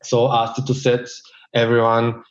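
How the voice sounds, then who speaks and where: Flat-voiced man, muffled audio. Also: medium pitch. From Bulgaria. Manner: measured, flat delivery with some stumbles. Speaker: tech lead guest. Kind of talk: interview answers.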